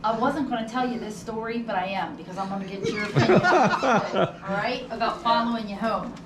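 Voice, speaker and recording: Over a loud crowd, a ghost tour guide tells stories casually and conversationally, acting out the quoted dialogue of what people said. Her voice is fairly high with lively intonation and a slightly fast pace, captured by a roomy, distant mic with noticeable background noise.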